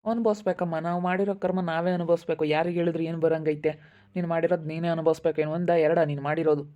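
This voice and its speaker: A woman playing a sharp-tongued, scolding village neighbour in an amateur skit. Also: on the low side, level tone, racing, muffled recording, close to an everyday voice. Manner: scolding, judgmental. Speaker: neighbour Meena.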